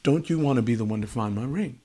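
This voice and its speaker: A man's voice: mid-range voice, quick pace, mellow, lightly acted. A man voicing a vain, ego-driven king who demands praise in a self-important way. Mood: demanding.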